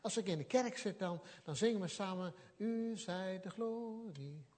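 A man's voice: sits high, unhurried, darkish tone. A man preaching a sermon, telling the story with animation and acting out what people said.

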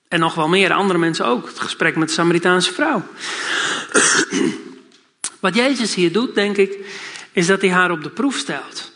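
A man's voice: high voice, pushed and bright. A man preaching a sermon, reading scripture aloud and explaining it in plain, conversational talk, with questions to his listeners.

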